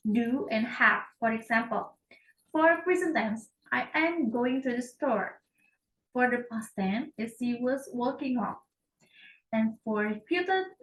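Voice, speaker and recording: Young student girl, reads her grammar project slow and careful, high-ish voice, kinda far from the mic in an echoey room. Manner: careful, slightly halting reading with self-corrections. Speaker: student presenting a syntax project. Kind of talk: reading a class presentation.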